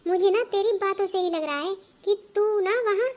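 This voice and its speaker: A woman voicing the bride's suspicious, scolding mother in a cartoon, in a very high voice. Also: moderate pace. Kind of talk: Hindi cartoon voice acting.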